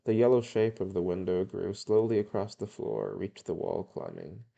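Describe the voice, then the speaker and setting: A man's voice: low voice, fairly even intonation, moderate pace, gravelly, warm tone, lo-fi sound. A young man reading a novel aloud in a plain way, with occasional stumbles and self-corrections. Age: young adult. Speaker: reader.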